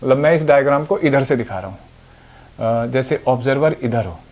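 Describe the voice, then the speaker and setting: A man's voice: medium pitch, animated, moderate pace, a little mellow. A young man teaching physics. He explains step by step and keeps checking that his students are following. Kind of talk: whiteboard physics lesson.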